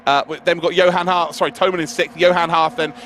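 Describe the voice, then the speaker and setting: A man's voice: a little high, flat delivery, quick pace, a bit bright, a little hiss or hum. A man giving live motorsport commentary on esports sim racing, analysing in a conversational, enthusiastic way.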